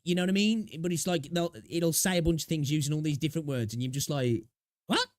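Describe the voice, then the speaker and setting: A man's voice: fairly high pitch, steady tone, fast, darkish tone, no room sound, clean studio sound. A man giving casual, rambling reaction commentary on a game video, repeating himself and adding tag questions.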